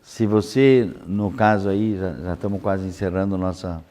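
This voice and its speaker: A man São hosting an unscripted conversational interview, haltingly repeating words as he searches for phrasing. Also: sits low, warm tone. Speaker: interview host.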